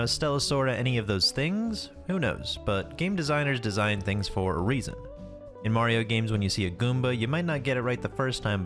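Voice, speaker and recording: A man's voice: fairly low pitch, a bit bright. A man giving casual scripted commentary as a video host, informal and wry, with some casual swearing. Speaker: YouTube game preview host. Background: music behind the voice.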